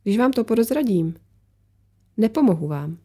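A woman voicing a mysterious female visitor who speaks calmly and matter-of-factly, as if she knows everything. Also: fairly high pitch, husky, pitched above the performer's own voice. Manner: calm, matter-of-fact, knowing. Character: calm mysterious woman visitor, knowing and unruffled.

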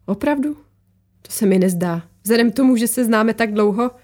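A mysterious visitor answers every question with calm, knowing composure, as a woman voices her. The tone is warm and dark, matter-of-fact and never rattled. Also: mid-range voice, natural voice.

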